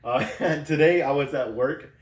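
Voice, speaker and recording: A man's voice: medium pitch, measured pace. A man telling a casual funny story about his workday, chuckling as he goes. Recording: roomy sound, voice far from mic.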